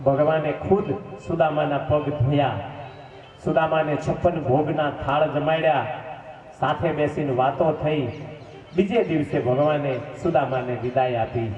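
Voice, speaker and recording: Fervent preacher in an echoey hall. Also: male voice, on the high side, fairly even intonation, unhurried, darkish tone. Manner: fervent, storytelling with asides to the audience. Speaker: religious storyteller. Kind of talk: devotional scripture discourse. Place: temple hall at a festival. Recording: echoey hall, distant mic, dull sound, faint music.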